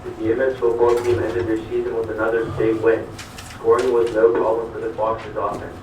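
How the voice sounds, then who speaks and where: A man reading school announcements over an intercom loudspeaker, going steadily through notices and lists of names. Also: fairly low pitch, completely flat delivery, fairly quick. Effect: heard over a school intercom loudspeaker. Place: classroom, played through a wall speaker. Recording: echoey, distant intercom speaker with noise.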